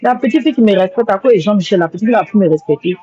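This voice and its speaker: A woman's voice: medium pitch, lively intonation, racing, mellow, breathy edge. A woman speaking on a live stream, rambling and repeating herself as she apologizes with emotion. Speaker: social media livestreamer. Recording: dull lo-fi phone audio.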